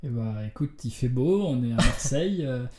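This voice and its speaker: A man in his thirties from Alsace, a podcast guest chatting in a relaxed, easygoing way. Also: mid-range voice, moderate pace, a little hiss or hum. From Alsace, France. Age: 30s. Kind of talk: casual podcast chat. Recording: roomy echo.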